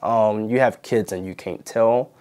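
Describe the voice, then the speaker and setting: A man's voice: fairly low pitch, unhurried, darkish tone, clean tone. A young man telling a story to camera in a casual, indignant way, full of "like" and "you know". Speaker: channel host and former videographer.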